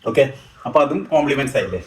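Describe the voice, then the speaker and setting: A man talks at a fast clip and mocks the claims he takes apart, his tone sarcastic throughout. His voice sits in the middle range. The recording carries a noticeable room echo. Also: mid-range voice, expressive. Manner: sarcastic, mocking. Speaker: rationalist commentator. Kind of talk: critical commentary.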